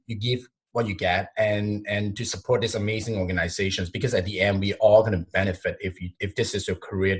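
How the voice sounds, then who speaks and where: A man's voice: lowish voice, husky. A man, speaking sincerely and measuredly as a podcast guest. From Hong Kong. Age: 40s. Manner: sincere, measured, with some repeated words. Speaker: interview guest, company president. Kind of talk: conversational podcast interview.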